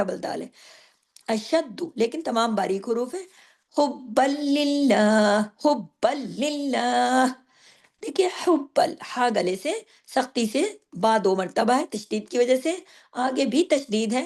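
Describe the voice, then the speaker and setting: A middle-aged woman with a fairly high voice teaches recitation rules in a patient, explaining tone. She stops often to recite short phrases slowly, stretching the sounds out. Her lesson moves steadily, one rule at a time. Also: a little mellow. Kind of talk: tajweed lesson.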